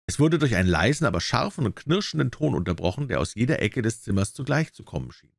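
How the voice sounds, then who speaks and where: A man reading a classic tale aloud as an audiobook narrator, with expressive storytelling. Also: mid-range voice, fast, gravelly, no echo, clean studio sound. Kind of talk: scripted narration.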